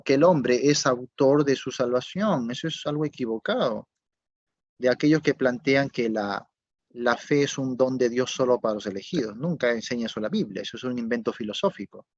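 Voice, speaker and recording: Here a male pastor with a medium-pitched voice delivers a sermon full of rhetorical questions, tagging them with checks that people are keeping up. His delivery rises loud and drops soft, heard through a dull, dry, lo-fi recording.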